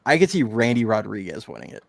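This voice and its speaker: A man with a low, gravelly voice chats casually about sports as a podcast co-host. He jokes and laughs easily. The sound is close and dry. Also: wildly swooping pitch, dry recording. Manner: laughs often, quick joking asides.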